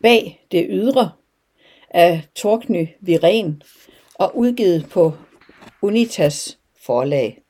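Mellow woman reading an audiobook. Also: fairly low pitch, expressive, breathy edge. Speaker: audiobook reader. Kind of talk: audiobook narration.

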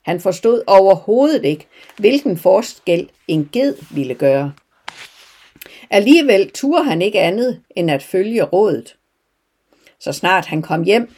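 Calm woman telling a parable. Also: mid-range voice, slightly rough. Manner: calm, measured reading. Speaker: devotional speaker. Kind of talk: storytelling sermon.

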